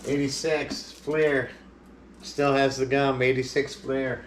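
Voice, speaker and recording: A man's voice: medium pitch, flat delivery, takes it slowly, noisy background. A man hosting a card collecting vlog, talking in an earnest, reflective way. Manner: earnest, reflective, nostalgic musing. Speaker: sports card collecting channel host. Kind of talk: casual vlog monologue. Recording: echoey room.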